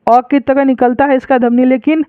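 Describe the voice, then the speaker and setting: A male teacher explains a lesson in a very high voice. He repeats each point and keeps checking that the students follow. The sound is dry and tinny, like a phone line. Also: flat delivery, normal speed, clear, resonant tone, dry recording. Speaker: Sanskrit teacher. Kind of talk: classroom-style lesson explanation.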